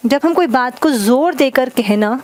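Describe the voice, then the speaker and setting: A woman teaching grammar in Hindi. She dictates example sentences slowly word by word and keeps checking in with "ठीक है". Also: high voice, expressive, darkish tone. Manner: addresses viewers as "guys", repeats "ठीक है" often. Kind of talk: classroom grammar lesson.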